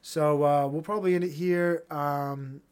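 A man's voice: fairly high pitch, fairly even intonation, measured pace, darkish tone, clean tone. A young man hosting a solo podcast, ranting in a profane, heated way, then trailing off into mumbles. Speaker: podcast host.

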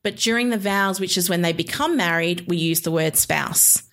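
A woman's voice: fairly low pitch, normal speed, fairly bright tone. An Australian woman in her thirties co-hosting a chat show, explaining things in a chatty way, laughing easily and often restarting her sentences. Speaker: marriage celebrant podcast co-host.

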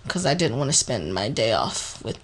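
A woman's voice: a bass voice, normal speed, husky. A woman co-hosting a podcast, chatting casually and telling rambling stories with frequent laughter. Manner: laughing, rambling, animated storyteller. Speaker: podcast co-host. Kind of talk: casual chat.

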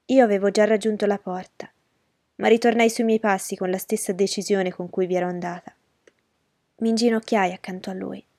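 Warm-voiced woman narrating a drama. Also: mid-range voice, fairly even intonation, brisk, no echo, studio quality. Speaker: narrator and heroine. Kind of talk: dramatic first-person narration.

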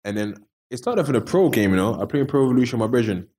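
A man's voice: mid-range voice, animated, very fast, darkish tone. A man with a London roadman accent, telling stories casually in street slang as an interview guest and acting out the dialogue.

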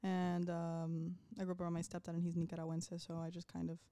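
Laid-back woman co-host, smooth voice. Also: lowish voice, completely flat delivery, fast, warm tone, no echo. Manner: laid-back, jokey, trails off. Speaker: podcast co-host. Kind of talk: casual chat. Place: Miami.

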